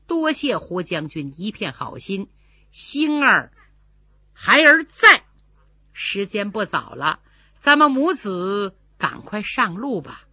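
A woman voicing a dignified noblewoman, a general's wife, who speaks in a measured, reproachful, formal way. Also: medium pitch, big pitch swings, sharp tone, breathy edge, dry recording, heavily acted. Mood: cold. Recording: dull lo-fi recording.

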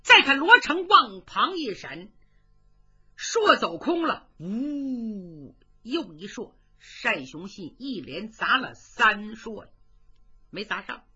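A woman's voice: fairly high pitch, sing-song, takes it slowly, highs cut off, over music. A woman telling a traditional martial story, narrating dramatically and mimicking sounds. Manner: dramatic, vivid, with sound effects.

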